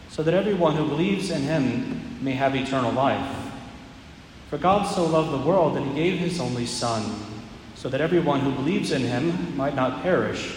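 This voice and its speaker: Man, priest, measured reflective homily, long ringing cathedral echo, faint hiss. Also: mid-range voice. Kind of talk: Gospel reading and homily at Mass. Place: large church.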